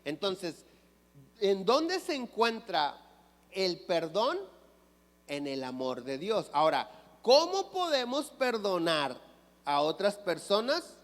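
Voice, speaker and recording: A man preaching a sermon in a slow, unhurried delivery, his voice sitting high for a man. He asks his congregation questions and answers them himself. The sound carries the long reverb of a church hall. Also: very animated. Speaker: pastor. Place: church sanctuary.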